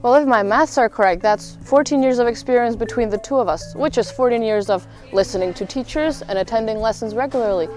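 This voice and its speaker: A woman's voice: fairly high pitch, fairly quick, hardly any pauses, a little mellow, soft background music. A teenage girl from the Czech Republic, a student guiding a school tour in a chatty, lightly humorous way. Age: teens.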